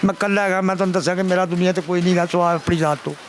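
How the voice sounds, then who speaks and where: Speaking very fast in a high, steady voice, an older man with a Pakistani Punjabi accent pleads his case to a reporter as a complaining father. He repeats himself and keeps calling the listener sir. A slight hiss or hum runs underneath.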